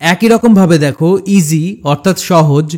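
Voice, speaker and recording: A man teaching a grammar lesson in a steady, explanatory way, talking straight to the learner and slowing down to repeat example words. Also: on the high side. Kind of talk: scripted grammar lesson narration.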